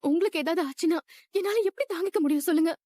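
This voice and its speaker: A woman's voice: very high voice, rapid-fire, dark tone, no room sound, studio quality. A woman playing a rich young woman who is obsessively in love, with a clingy, pleading and insistent manner in a dubbed drama.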